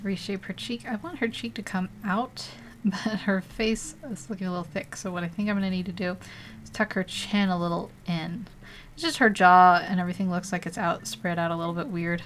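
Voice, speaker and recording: A woman's voice: lowish voice, fairly even intonation, a little fast, slight background noise. A woman chatting casually while she paints live on a tablet, laughing often and rambling with lots of fillers. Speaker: digital painting livestreamer.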